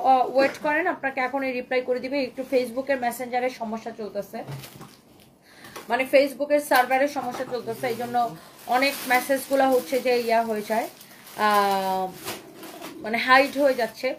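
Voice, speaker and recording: A woman's voice: high voice, steady tone, normal speed, a little hiss or hum. A woman with a Bangladeshi Bengali accent selling clothes on a live stream, repeating herself in a coaxing way and dropping in English phrases. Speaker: online clothing seller. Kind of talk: live-stream sales pitch. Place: clothing shop.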